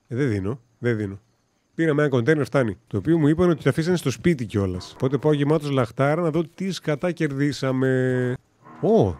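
Man, gaming commentator, casual let's-play talk, sarcastic jokes, dark mellow tone. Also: medium pitch, dry recording. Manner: joking, sarcastic, mild swearing.

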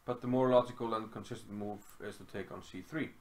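Middle-aged man from Iceland, low voice, relaxed home-desk chess commentary with many fillers. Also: fast talker. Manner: relaxed, thinking aloud with frequent fillers. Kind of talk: casual chess game analysis. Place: small room at home.

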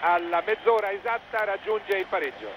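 A man's voice: high-pitched, normal speed, background noise. An Italian man giving live football match commentary in clipped phrases, rising with the play, on an old television broadcast.

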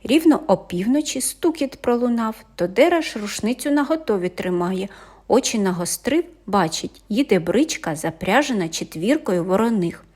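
A woman reading a fairy tale aloud in an animated, expressive storytelling manner. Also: medium pitch, moderate pace, husky.

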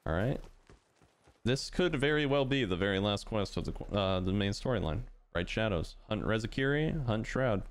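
A man giving relaxed, explanatory commentary over a game he is playing, with plenty of fillers as he talks through each move. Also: on the low side, normal speed. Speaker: gaming channel host. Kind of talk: casual gameplay commentary.

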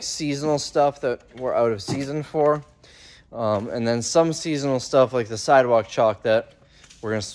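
A young American man vlogs on his phone about the warehouse sale he's running, with a mid-range voice. He rambles in a matter-of-fact way, filming himself while he works, both inside the warehouse and outdoors by the road, holding the phone at arm's length.

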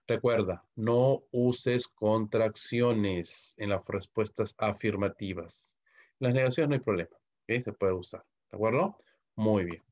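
A man's voice: mid-range voice, a little mellow. A man from Peru with a Peruvian Spanish accent, teaching English grammar in a recorded online lecture and stopping often to ask "¿ok?". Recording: muffled lo-fi audio.

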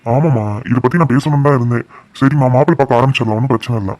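A man's voice: mid-range voice, racing, background noise, natural voice. A man voicing a middle-aged village husband and father in a cartoon drama, caring and insistent, full of remorse. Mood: surprised.

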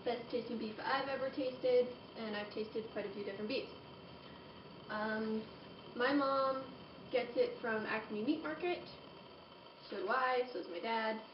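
Cooking casually in her home kitchen, a young adult woman chats and makes playful side remarks as she works, her voice fairly high and unhurried. The sound comes from a camera across the room: distant, roomy, dull and hissy like home video.

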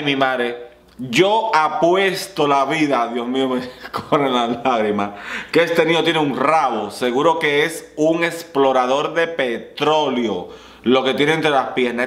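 A man giving playful, bawdy reaction commentary as a drag queen, laughing often and swinging between high squeals and low purrs. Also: a bit bright, roomy sound.

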